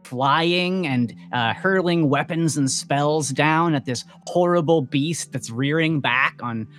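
A man's voice: a little high, takes it slowly, a bit bright. A man running a tabletop game as game master, narrating casually with many fillers and restarts.

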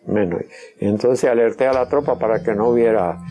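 An older man, recalling past events in an interview and often halting to repeat and restart his words. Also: medium pitch, warm tone, soft background music. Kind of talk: personal recollection in an interview.

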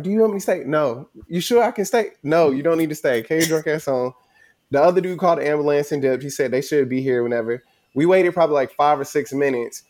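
A man's voice: medium pitch, darkish tone. Laid-back man, rambling with fillers. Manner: rambling, many fillers, loose slang. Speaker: vlog co-host. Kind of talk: casual storytelling.

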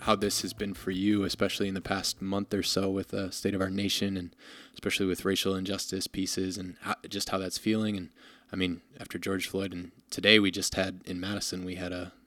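A man's voice: sits low, monotone, brisk, few pauses, fairly bright tone, no room sound. A man speaking as a pastor in a podcast conversation, earnest, often restarting his sentences.

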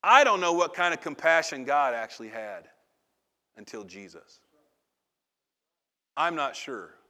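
Male pastor, higher-pitched, unhurried sermon delivery, informal and personal. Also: very animated, sharp tone. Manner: conversational, confessional preaching with asides and laughs.

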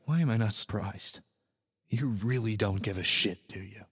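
A man's voice: lowish voice, normal speed, fairly bright tone, husky, in a large hall, exaggerated voice. An actor playing a nervous, shaken male worker in a video game who stammers when agitated. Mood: angry.

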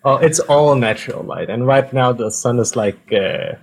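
A man in his thirties from Denmark, a guest on a video-call podcast, talking in a relaxed, rambling way. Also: medium pitch, normal speed, gravelly. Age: 30s. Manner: relaxed, rambling, many fillers. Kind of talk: casual podcast chat.

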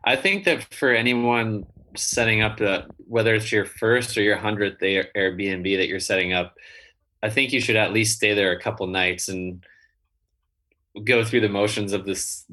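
A male guest with a deep, bright-toned voice in a casual interview. He speaks in stop-start phrases, restarting and trailing off as he thinks aloud. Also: fairly even intonation, normal speed. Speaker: guest, builder and rental owner.

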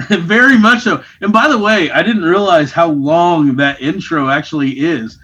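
A man co-hosting a chatty podcast, his slightly high voice sounding muffled and boxed-in, as though he were talking into a trash can. The sound is dull and lo-fi, coming in from a separate remote room. He keeps things upbeat and laughs easily. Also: measured pace, background noise. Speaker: podcast co-host. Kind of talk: casual chat.

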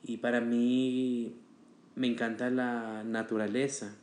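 Casual male podcast guest, rambling with fillers, medium pitch, roomy echo. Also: flat delivery, takes it slowly, darkish tone. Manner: chatty, hesitant with fillers and restarts.

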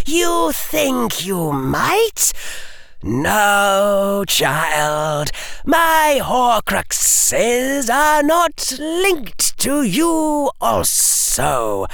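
Villain read: a reader doing a cruel dark wizard lord, raised high above the reader's voice, hissing and drawn out. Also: creaky, no room sound, heavily acted. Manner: hissing, slow and drawn-out, bursts into shouts.

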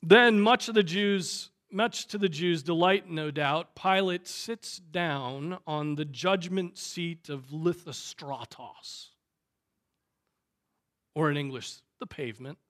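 A male pastor with a Southern American accent, preaching a sermon with dramatic swings in loudness. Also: a little high, measured pace, hardly any pauses. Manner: dramatic, voices the crowd's shouts loudly.

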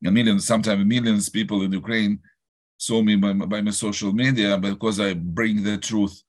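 Older Russian-accented man, halting speech. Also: fairly low pitch, level tone. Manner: halting, searching for words, many restarts. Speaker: rabbi. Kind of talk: interview answers.

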